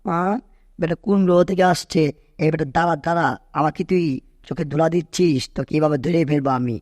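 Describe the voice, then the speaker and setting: A man's voice: on the high side, steady tone, fairly quick, a little mellow, no room sound, lightly acted. Tom, a man playing a blustering cartoon cat. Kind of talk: cartoon dub acting.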